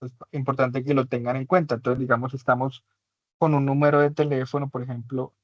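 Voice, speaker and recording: A man's voice: medium pitch, flat delivery, fairly quick, dry recording. Man, Spanish-speaking English teacher, patient explanations, frequent check-ins, dry close sound, slightly dull audio. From Latin America. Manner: patient, repeats points, checks understanding with tag questions. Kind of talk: online class explanation.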